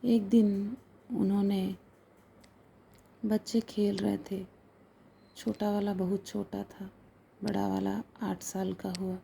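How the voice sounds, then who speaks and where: Woman storyteller, soft half-whisper delivery, dark gravelly voice. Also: mid-range voice, flat delivery, slow pace, pauses often, a little hiss or hum. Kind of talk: casual spoken storytelling.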